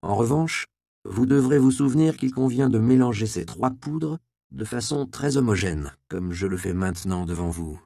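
A man voicing a grave, curt apothecary master who explains his work calmly. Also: medium pitch, normal speed, vocal fry, no room sound, natural voice. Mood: instructive.

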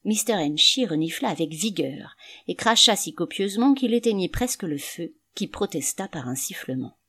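A woman narrating an audiobook story with expressive storytelling. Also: fairly low pitch, moderate pace, slightly rough.

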